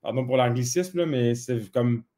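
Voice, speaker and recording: A man's voice: medium pitch, normal speed, dark tone. A young man with a Québécois French accent, a guest in a casual chat, easygoing and full of fillers.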